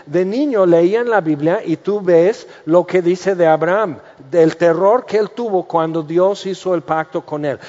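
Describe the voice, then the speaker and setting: Animated preacher in a reverberant hall. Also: male voice, a little high. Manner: animated, acts out quoted voices, jokes mixed with scripture. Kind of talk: sermon. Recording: dull reverberant church hall sound.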